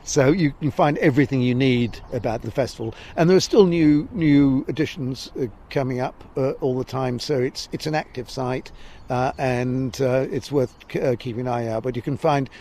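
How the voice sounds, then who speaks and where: A man's voice: mid-range voice, moderate pace. A man from Essex with a southern English accent, giving discursive, stop-start interview answers as a walking guide, recorded outdoors. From Essex, England. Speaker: walking guide and festival guest. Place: outdoors near a creek by the estuary. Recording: steady background noise, outdoors.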